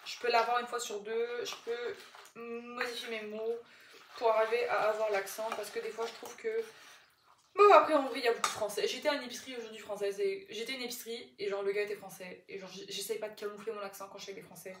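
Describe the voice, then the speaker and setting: A woman's voice: a little high, quick pace. A young woman from Quebec whose accent shifts between French and Québécois, chatting and swearing casually while she cooks in her home kitchen. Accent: mixes French and Québécois accents. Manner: chatty, rambling, swears freely. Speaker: vlogger. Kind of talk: casual chat while cooking. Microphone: phone camera. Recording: echoey room with steady background noise.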